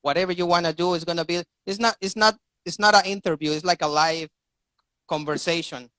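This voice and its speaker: A high, steady, bright voice with a forceful, clear, resonant tone and no echo belongs to a Costa Rican live stream host speaking fairly quickly. His first language is Spanish, and in this casual English video chat he rambles, repeating words as he looks for them.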